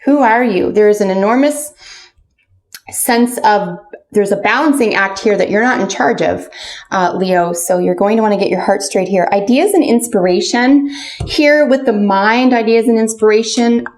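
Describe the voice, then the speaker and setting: A woman's voice: medium pitch, moderate pace, darkish tone. A woman fortune teller doing a casual spoken tarot and oracle card reading, addressing the listener directly. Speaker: tarot reader.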